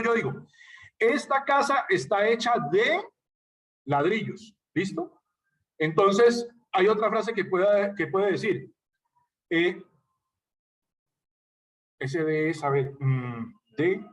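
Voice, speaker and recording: Male writing teacher, higher voice, online lecture, mic a bit distant. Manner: explains patiently with spoken examples, checks in with "¿ya?".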